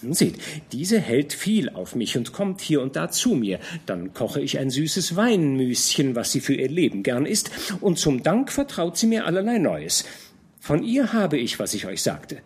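A man voicing a gossiping middle-aged female innkeeper who spreads scandal in a hushed, eager way. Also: very animated, a little slow, breathy edge, exaggerated voice. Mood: chatty. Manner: chatty, conspiratorial, hushed to shrill.

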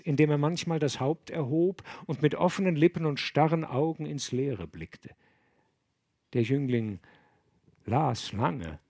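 A man narrating a literary audiobook in a measured, expressive storytelling manner. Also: medium pitch. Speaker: audiobook reader.

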